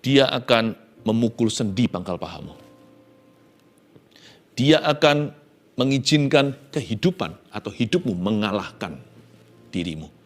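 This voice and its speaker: A man preaching a sermon as a pastor, swinging between loud emphatic lines and hushed, tearful acted pleas, with English phrases mixed in. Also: fairly low pitch, lively intonation, unhurried, long pauses. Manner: dramatic preaching, acting out Jacob's pleas in hushed tones.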